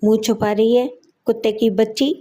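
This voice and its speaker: A woman's voice: on the high side, little pitch movement, lightly acted. Woman narrator voicing a furious jealous wife. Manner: shouting, scornful taunts. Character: hot-tempered jealous wife, middle-aged woman.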